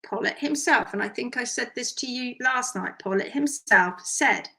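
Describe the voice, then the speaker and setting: Her vocal cords sound strained, leaving the voice croaky, yet this UK hoof care instructor stays forceful and bright as she goes through viewer comments in a live session. She sits a touch high in pitch, animated and emphatic, with brisk asides.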